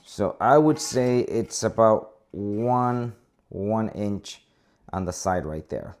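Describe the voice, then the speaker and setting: Speaking slowly in a fairly low, darkish voice, an installer gives an informal, unscripted product demonstration. He hesitates often and repeats words to correct himself, with noise, clicks and handling clatter throughout.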